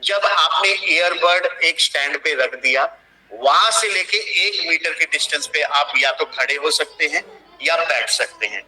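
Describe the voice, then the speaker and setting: Bright-voiced man teaching online. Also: a little high, measured pace, low-quality recording. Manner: explanatory, repeats and restates instructions. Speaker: online trainer. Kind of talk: live screen-share training session.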